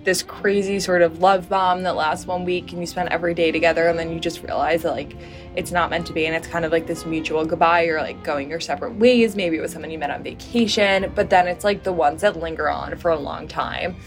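Woman writer guest, lowish voice, chatty w/ lots of likes, faint music. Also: steady tone, brisk. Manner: chatty, filler-heavy. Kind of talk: casual interview answers.

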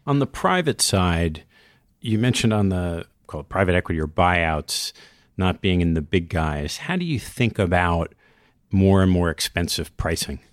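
A man's voice: low-pitched, lively intonation, moderate pace, dry recording, studio quality. A man interviewing a guest about finance, putting considered, analytical questions.

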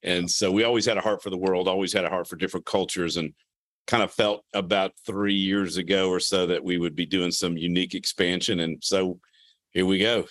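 A man from Louisiana, a guest pastor with a deep radio voice, talking casually and self-deprecatingly on a podcast, with halting restarts. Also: a bit bright, no echo, studio quality.

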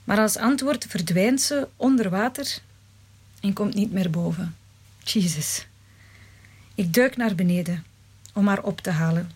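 Husky woman reading a story aloud. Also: mid-range voice, moderate pace, darkish tone. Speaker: narrator. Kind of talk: storytelling reading, first person.

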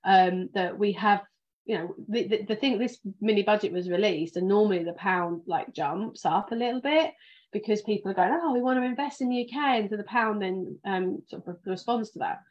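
A woman's voice: mid-range voice, moderate pace, muffled recording. A woman with a southern English accent hosting a podcast, chatting loosely with many ums and restarts, a little sleepy. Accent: British, southern English. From England. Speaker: podcast host, financial planner. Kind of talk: casual livestream chat.

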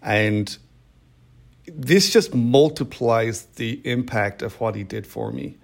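A middle-aged man telling a personal story in an emotional, halting way, with many restarts. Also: mid-range voice, gravelly. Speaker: storyteller guest. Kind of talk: personal story told in interview. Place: quiet room.

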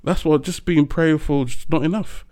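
A man co-hosting a casual chat, animated, laughing often, pressing his points with a preacher's emphasis. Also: a little high, normal speed.

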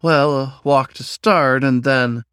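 A man voicing a young male chipmunk who is easily flustered and answers in quick, fussy replies. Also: medium pitch, fairly even intonation, a bit bright, clear, resonant tone, dry recording, clean studio sound.

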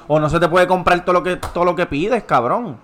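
A young man, co-hosting a podcast in casual chat, animated and emphatic, swearing often. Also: sits high, a little fast. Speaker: podcast co-host.

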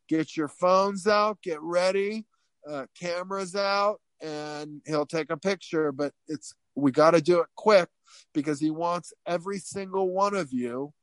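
A man's voice: a little high, no echo, lightly acted. A man putting on a chummy Australian bloke. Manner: chummy, hyped, announcing. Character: upbeat Australian man, airport crowd handler.

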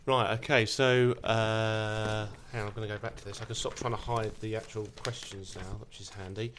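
A man's voice: on the low side, level tone, normal speed, a bit bright, slight background noise. A man with an Essex accent, chatting casually and jokily as he hosts a podcast quiz. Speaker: quiz host.

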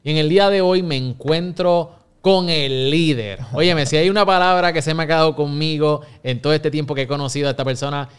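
A man hosting a podcast, talking in an energetic, playful and emphatic way. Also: a little high, fairly quick, clean tone. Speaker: podcast host. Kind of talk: casual podcast interview.

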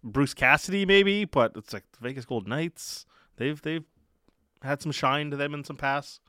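A man hosting a sports talk radio show, chatting and presenting in an animated way. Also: fairly high pitch, moderate pace, clean tone, dry recording, studio quality.

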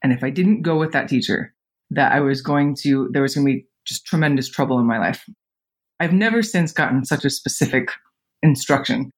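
This podcast guest, a woman in her thirties, has a bass voice with a breathy edge and talks a little fast. She tells personal stories in a casual interview, often laughing and using plenty of fillers.

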